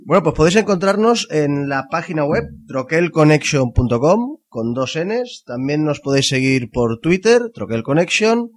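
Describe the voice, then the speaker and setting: A man's voice: on the high side, big pitch swings, moderate pace, few pauses. A man co-hosting a podcast in casual, colloquial chat. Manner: informal, colloquial. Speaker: podcast co-host.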